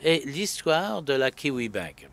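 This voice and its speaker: A man delivers a conference presentation at a slow, measured pace. His voice sits in a middle pitch range, and he halts often with filler pauses between phrases. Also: big pitch swings, gravelly, a bit bright. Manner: halting, with frequent filler pauses. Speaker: conference speaker.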